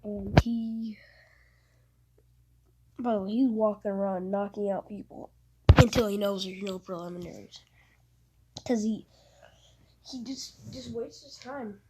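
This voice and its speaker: A woman casually retelling an anime plot, rambling with many fillers and often dropping into soft half-whispers. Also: mid-range voice, moderate pace. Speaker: anime fan channel host. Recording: loud background noise.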